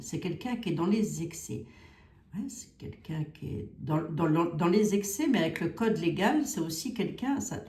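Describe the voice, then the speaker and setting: A woman's voice: fairly low pitch, roomy sound. A woman with a Lorraine accent giving a chatty psychic card reading to her viewers, often tagging lines with "hein". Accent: Lorraine French. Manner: chatty, warm, peppered with "hein". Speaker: clairvoyant card reader.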